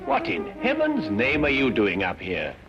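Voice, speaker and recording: An actor playing a sharp, aloof male detective in a TV drama, speaking in a dry, dismissive way. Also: medium pitch, huge pitch swings, measured pace. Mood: mocking. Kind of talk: TV drama acting. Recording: dull lo-fi TV soundtrack. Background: music.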